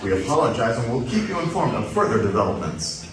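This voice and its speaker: A man making a formal, polite public address announcement, heard over a park loudspeaker intercom. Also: medium pitch, sing-song, fast talker, a crowd in the background. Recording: echoey loudspeaker from far off, music behind.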